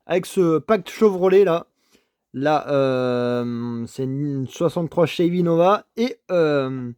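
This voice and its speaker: A man with a slightly high voice presents his toy car finds at his desk, praising each one over and over. He stammers, restarts and apologizes for it as he goes. The sound is dry and close, with no room echo. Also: darkish tone, smooth. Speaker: toy car collector vlogger. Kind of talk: casual unboxing commentary. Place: home desk setup.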